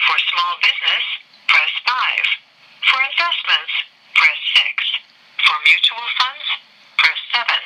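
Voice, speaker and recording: A woman speaking as a recorded phone message, reading scripted menu prompts in a polite, even, measured way. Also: medium pitch, low-quality recording. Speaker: automated bank phone system voice.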